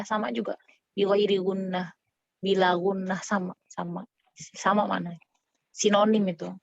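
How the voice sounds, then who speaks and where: A woman of middle pitch teaches a casual lesson on Quran recitation. She talks in a chatty way and often checks in with her listeners. The sound is dull and lo-fi, with a dry, close feel. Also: no echo. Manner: chatty, explains with frequent checks like "ya nggak?". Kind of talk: casual online tajwid lesson.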